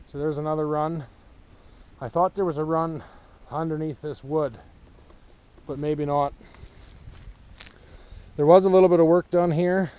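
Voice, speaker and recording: A slightly high, smooth-voiced man talks to his action camera outdoors by a pond, still winded from the hike in. He rambles along in a plainspoken, matter-of-fact way, like a guy filming his own channel. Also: lo-fi sound. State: out of breath. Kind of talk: casual outdoor vlog narration.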